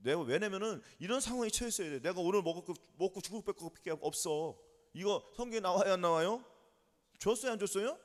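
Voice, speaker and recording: Pastor, male, high and lively delivery, prods the flock with questions, church hall echo. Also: brisk. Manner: call-and-response questions to the congregation. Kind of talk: sermon. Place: church sanctuary.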